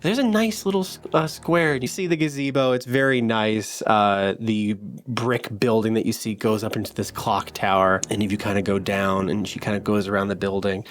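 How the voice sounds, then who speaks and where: A man's voice: fairly low pitch, steady tone, normal speed, hardly any pauses. A man narrating a tabletop game as game master, describing scenes with many fillers.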